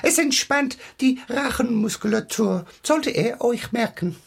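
A woman's voice: a little high, expressive, a little slow, creaky, husky, exaggerated voice. A shifty lady with a fake English accent. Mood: evasive. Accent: put-on English accent in German. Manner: evasive, stammering, overly sweet. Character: shifty woman neighbour faking an English accent. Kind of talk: children's audio drama acting.

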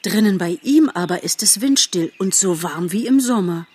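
A woman voicing an excited, screeching jay bird in a spoken storybook. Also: normal speed, slightly rough. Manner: shrill, excited telling.

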